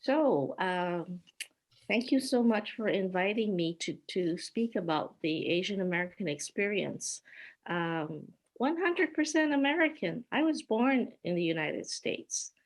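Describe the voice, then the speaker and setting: An older woman speaks in a voice of middling pitch, neither high nor low. She tells her own life story at an unhurried pace, stopping now and then to manage her slides. She is heard through a computer mic on a video call. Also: lively intonation. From Hawaii. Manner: unhurried, stops to sort out her screen share. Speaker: interview guest.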